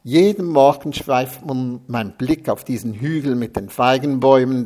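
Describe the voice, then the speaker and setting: A man's voice: medium pitch, darkish tone. A man reading a humorous first-person story aloud, with a sardonic, dryly mocking delivery. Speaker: narrator.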